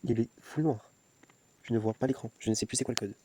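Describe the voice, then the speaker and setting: Fast-talking young man vlogging at home. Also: mid-range voice, mellow, slight background noise. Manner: rambling, self-mocking, restarts and repeats words. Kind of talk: casual self-filmed vlog. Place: at home at night.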